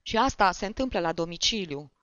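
A narrator voicing a fretful middle-aged man who pleads in a high, whining voice. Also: expressive, sharp tone, smooth, no echo. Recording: dull, dry.

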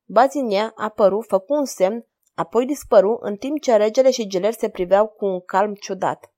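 A woman narrating a classic novel as an audiobook, with a dramatic, animated reading. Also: medium pitch.

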